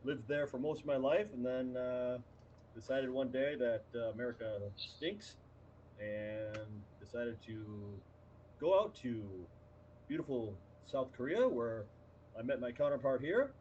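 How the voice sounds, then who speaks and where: A man's voice: medium pitch, lively intonation, a little slow, a little mellow. A man in his fifties from Wisconsin, co-hosting a casual chat in a laid-back, joking way. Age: 50s. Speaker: podcast co-host. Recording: muffled mic with faint hiss.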